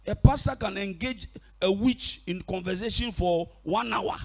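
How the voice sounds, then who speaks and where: Gravelly preacher shouting his declarations. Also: high voice, normal speed. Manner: declaring in short bursts, shouting refrains, chuckling asides. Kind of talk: sermon with live interpreter.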